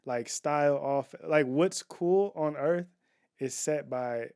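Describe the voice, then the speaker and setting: A man's voice: on the high side, slow pace, a little mellow, smooth, no room sound. Dry, emphatic man chatting at home. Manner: opinionated, emphatic, restarts and fillers. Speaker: podcast co-host. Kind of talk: casual chat.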